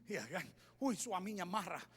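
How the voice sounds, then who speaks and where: A man preaching a lively, joking sermon as pastor in a large church, acting out quoted voices. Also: sits high, normal speed, slightly rough.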